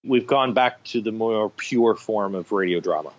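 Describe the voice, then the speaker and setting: Dull audio carries the lowish voice of a middle-aged man speaking at normal speed. As a guest on an interview, this radio theater director shares anecdotes with enthusiasm, telling them conversationally like stories.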